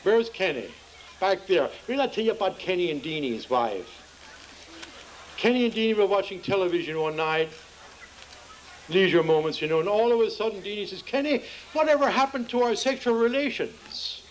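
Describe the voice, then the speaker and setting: A man's voice: high voice, animated, brisk, pauses often, a little hiss or hum, poor audio. A man with a Pennsylvania Dutch accent telling folksy jokes to a crowd at an outdoor town festival. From Pennsylvania, USA. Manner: folksy, playful, addresses the crowd. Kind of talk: folksy stand-up joke telling.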